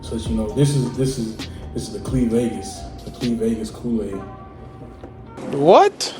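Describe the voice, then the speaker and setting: A man's voice: fairly low pitch, fairly even intonation, fairly quick. A young man hosting a food challenge vlog, joking and laughing often as he teases his guest. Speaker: vlog host. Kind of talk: casual mukbang chat. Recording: echoey room, distant mic, music behind.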